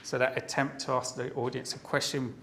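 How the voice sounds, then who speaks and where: A man's voice: flat delivery, brisk, vocal fry, a bit bright, slight background noise. Encouraging man giving speech feedback. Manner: encouraging, plays a mock sales pitch for laughs. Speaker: speech evaluator. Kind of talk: club speech evaluation.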